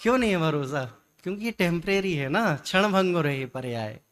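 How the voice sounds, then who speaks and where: A man giving a religious discourse, lively and full of rhetorical questions and repetition. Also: fairly high pitch, fairly quick. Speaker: Jain scholar giving a discourse.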